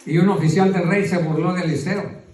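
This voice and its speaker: A man's voice: high-pitched, steady tone, brisk, darkish tone. A man, a pastor preaching a folksy sermon to his congregation, calling them brother. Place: church hall. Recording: echoey church from far off.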